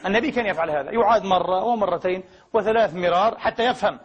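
A man preaching a Friday sermon in a mosque, animated, acting out little dialogues and laughing as he speaks. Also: sits high, fast talker, lo-fi sound.

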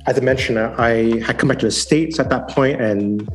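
This guest, a onetime software engineer now working as a digital missionary, speaks briskly in a medium pitch while soft music plays behind him. He's a young adult man, San Francisco-born and partly raised in Hong Kong, sharing his testimony in an easygoing, sincere way and voicing the inner thoughts of himself and others as he goes.

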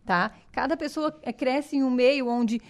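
A woman's voice: high voice, unhurried. A woman, a singing teacher explaining voice technique enthusiastically in casual chat. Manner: enthusiastic, explanatory, demonstrates voices while talking.

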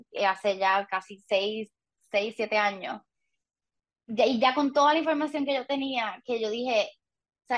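A woman in her thirties with a Puerto Rican Spanish accent, talking candidly as a podcast guest with light self-mocking humor. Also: on the high side. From Puerto Rico. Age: 30s. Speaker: guest, patient. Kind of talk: casual podcast interview.

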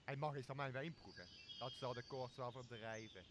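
A young adult man with a medium-pitched voice plays a boozy, blustering, greedy castaway in a Shakespeare radio play, coarse and bossy in manner with a scheming mood. He speaks at a moderate pace, lightly acted, with clear outdoor nature sounds and background noise behind him.

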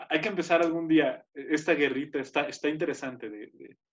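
Animated Mexican man joking on a podcast. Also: on the high side, muffled recording. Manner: animated, joking, rants with mock outrage. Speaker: podcast co-host. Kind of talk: casual chat.

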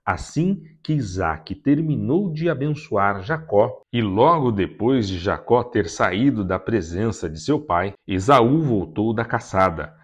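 A man reading scripture aloud as a daily Bible reader, slow and expressive. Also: fairly low pitch, breathy edge.

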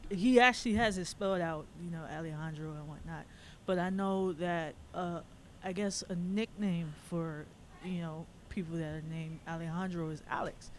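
A man from the Caribbean with a notably high voice chats on a podcast. He is easygoing and laughs a lot as he tells his stories, with a faint hiss of noise behind him. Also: steady tone, moderate pace. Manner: easygoing, laughs often, storytelling. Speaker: podcast co-host. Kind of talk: casual chat.

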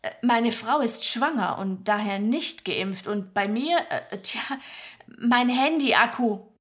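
A woman's voice: on the high side, expressive, takes it slowly, fairly bright tone. A woman voicing a hesitant young man, an expectant father, who stammers and apologizes. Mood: apologetic.

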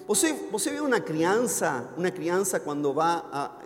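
A man's voice: a little high, sing-song, moderate pace. A man preaching a sermon as pastor in Spanish mixed with Portuguese, acting out impassioned prayers. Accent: Spanish speaker mixing in Portuguese. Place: church hall. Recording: reverberant church hall with soft music.

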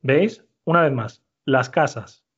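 A man teaches a Spanish lesson in an even, middle voice. He explains step by step and keeps checking that his listeners follow. The recording sounds slightly dull. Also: medium pitch, slow, husky. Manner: explanatory, frequent "¿vale?" checks. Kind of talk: language lesson.

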